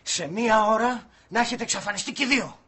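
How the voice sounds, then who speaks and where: An actor playing a fed-up young man who scolds and throws out his flatmate in a sitcom. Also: high-pitched, slightly rough, full character voice. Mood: furious. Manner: scolding, explosive shouts. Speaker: angry flatmate. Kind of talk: sitcom acting.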